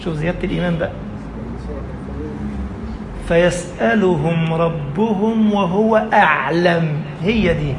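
Man preaching, Egyptian accent, high voice, echoey mosque hall, emphatic and lively. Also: a little hiss or hum. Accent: Egyptian Arabic. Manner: lively, emphatic, quickens and slows for effect. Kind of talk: sermon.

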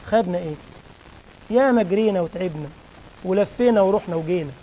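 A man with an Egyptian Arabic accent giving a mosque lesson, explaining a religious text and quizzing listeners with lively rhetorical questions. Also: sits high, fast talker, a little hiss or hum, low-quality recording. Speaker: religious teacher.

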